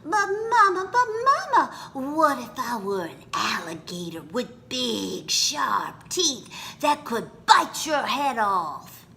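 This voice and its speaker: Storybook child played by a woman: whiny, anxious, imaginative, very high and swooping, bright delivery. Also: very animated, slow pace, vocal fry, few pauses, slight background noise, full character voice. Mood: worried, dramatic. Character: imaginative, anxious young child pleading with Mama.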